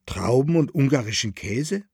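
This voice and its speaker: A man voicing a jovial, knowing man at an inn in an audiobook, with a slow, drawling, amused delivery. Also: mid-range voice, expressive, creaky, a little mellow, slightly rough, no room sound, studio quality, exaggerated voice.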